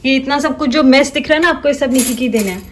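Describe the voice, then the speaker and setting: A woman's voice: sits high, fast talker, a little hiss or hum. A young woman chatting casually in a home vlog, teasing her sister and talking to viewers. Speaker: vlogger.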